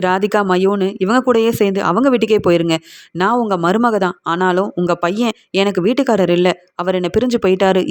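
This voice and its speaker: Serial recap: woman doing a firm, reproachful middle-aged wife, lecturing steadily at mid pitch. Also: natural voice. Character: defiant middle-aged woman scolding her mother-in-law. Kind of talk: retelling a TV serial scene.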